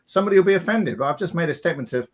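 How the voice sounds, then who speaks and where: A panelist in a discussion, asking pointed questions and arguing in quick bursts. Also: mid-range voice, lively intonation.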